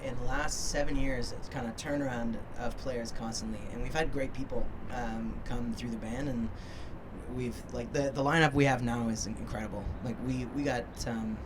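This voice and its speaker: A man's voice: mid-range voice, fairly even intonation, moderate pace, noisy background. Rambling joking man on a rooftop. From Ottawa. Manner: rambling, joking, many fillers. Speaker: band singer and keyboardist. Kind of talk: casual interview. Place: outdoor rooftop.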